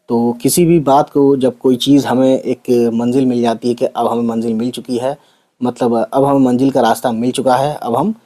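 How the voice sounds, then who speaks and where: A man from India teaches an Urdu literature lesson in a mellow, relaxed voice. He takes each difficult word apart with plainer synonyms and English equivalents. He keeps checking in with the class through quick tag questions. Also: mid-range voice. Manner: explains each hard word with simple synonyms and English terms, often adds tag questions.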